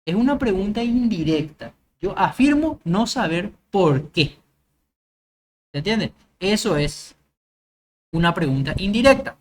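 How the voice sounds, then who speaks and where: A woman's voice: medium pitch, lively intonation, a little slow. A woman teacher, walking through grammar rules one by one with examples. She keeps stopping to ask whether the class follows. Faint noise sits under her voice. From Paraguay. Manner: explains step by step with examples, checks understanding. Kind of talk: grammar lecture.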